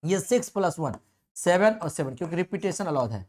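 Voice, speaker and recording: A man's voice: high voice, very animated, brisk, a little mellow. A male coaching teacher gives a math lecture in a classroom. He talks in a repetitive, coaxing way. He keeps asking the class questions and then answers them himself.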